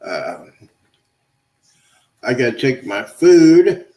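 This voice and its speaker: A man hosting an open-mic livestream in a loose, chatty way, repeating himself, his voice going hoarse. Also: mid-range voice, sing-song, very slow, warm tone. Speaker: livestream host. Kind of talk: casual livestream chat.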